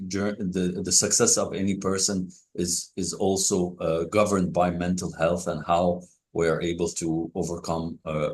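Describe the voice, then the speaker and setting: Egyptian guy hosting a podcast, really deep low voice, lots of stops and restarts. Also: a little mellow, slight background noise. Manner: halting, with frequent pauses and restarts. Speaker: podcast host. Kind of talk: casual interview chat.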